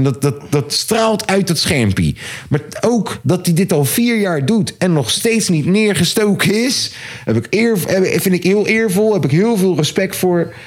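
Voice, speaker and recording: A man talks in a relaxed, rambling way, his voice a bit husky and riding up and down with lots of life. He swears freely and drops English slang into the chat, as a host would with a friend. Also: high voice. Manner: animated and loose, swearing and mixing in English slang. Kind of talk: casual chat.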